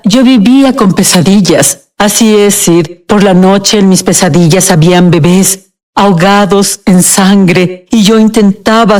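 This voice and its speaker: Woman telling her story on a tv interview, halting, emotional, stops and restarts. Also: medium pitch, darkish tone. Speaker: guest. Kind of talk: personal testimony in a TV interview, Spanish dub.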